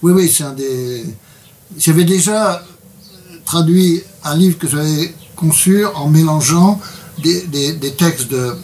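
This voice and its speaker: A man's voice: fairly high pitch, slow pace, a little mellow, far from the mic. A man translating and presenting a book in an interview, talking hesitantly and often repeating his words. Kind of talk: casual interview chat with read excerpt.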